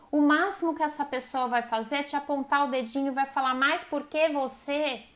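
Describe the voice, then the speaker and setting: Hosting a live stream, a woman gives a casual motivational talk straight to her viewers, addressing them directly in a conversational way and acting out quoted voices. Her voice is high and a bit bright.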